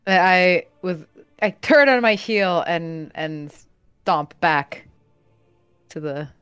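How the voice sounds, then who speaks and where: A woman's voice: on the low side, animated, slow, a bit bright, clear, resonant tone, dry recording, soft background music. A woman chatting casually as a player in a tabletop game, describing what her character does.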